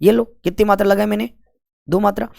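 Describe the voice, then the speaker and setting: A man's voice: high-pitched, steady tone, a little fast, creaky, darkish tone, no echo. Guy teaching grammar, asks and answers his own qs, drags out vowels, dry close sound. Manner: asks the class questions and answers them himself, drawing out the vowel sounds; chatty, with jokes between the rules. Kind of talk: exam-prep lesson.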